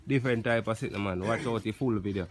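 A young man with a Jamaican accent chatting excitedly to a phone camera in an outdoor yard as he hosts a cooking vlog. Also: fairly low pitch, fast. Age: young adult. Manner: excited, loud patois banter to camera. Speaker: vlogger. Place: outdoor yard among banana trees. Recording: loud outdoor background noise.

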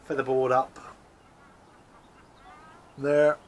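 Speaking very slowly in a mid-range voice with little pitch movement, a man chats casually to a handheld camera close to his face. He's an allotment vlogger by a shed in an outdoor allotment garden, chatty and self-mocking, joking and laughing at himself. Slight background noise is present.

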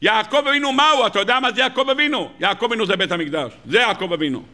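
A rabbi delivering a lively sermon in a high voice. His tone is bright and sharp as he fires off rhetorical questions and feigns disbelief. He adds humorous asides to keep the audience engaged. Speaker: rabbi giving weekly Torah sermon. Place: lecture hall with live audience.

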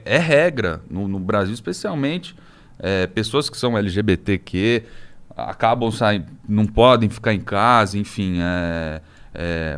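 A young Brazilian man with a Brazilian Portuguese accent, a podcast guest talking casually and haltingly with many restarts. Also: fairly low pitch, a bit bright, clean tone. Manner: hesitant, many restarts and fillers. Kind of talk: casual interview talk.

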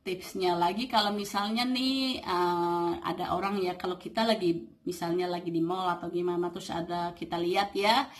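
Chatty woman vlogger, slightly low voice. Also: fairly even intonation, normal speed. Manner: chatty, full of fillers, acts out quoted lines. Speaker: vlogger giving dating advice. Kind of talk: casual advice chat to camera.

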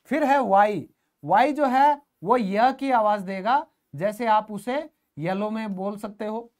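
High-voiced man teaching a quiz-style lesson. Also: slow pace, darkish tone. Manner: asks the class questions and answers them himself; calls the viewers "friends" often and repeats key words. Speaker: English teacher. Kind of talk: online classroom lesson.

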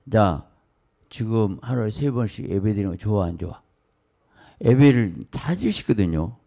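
A middle-aged male pastor preaches a dawn prayer sermon in a low, dark, gravelly voice. He talks in hurried, broken bursts and throws in quick exclamations and asides. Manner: excitable, rapid-fire exclamations and asides. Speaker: senior pastor.

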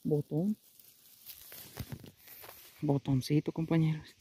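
A man's voice: fairly high pitch, flat delivery, slow pace, warm tone, a little hiss or hum. A man narrating his metal detecting outing outdoors in a casual, chatty way, calling his viewers companions and using lots of fillers. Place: outdoors in a rural field.

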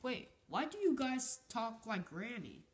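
A woman's voice: a little high, very animated, a little slow, slightly rough, heavily acted. A woman voicing a suspicious toy soldier who questions bluntly in a homemade puppet play.

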